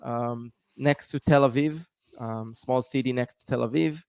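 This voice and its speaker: A man's voice: mid-range voice, unhurried, vocal fry, darkish tone, clear, resonant tone, no echo, clean studio sound. A man, a guest explaining at length in a live-stream interview with many ums. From Israel. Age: 30s. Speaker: guest, tech founder.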